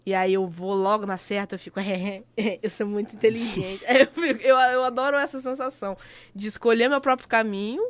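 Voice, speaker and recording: A woman's voice: a little high, fairly quick, fairly bright tone, smooth. A young woman from Brazil, a podcast co-host in casual chat, playful and laughing often.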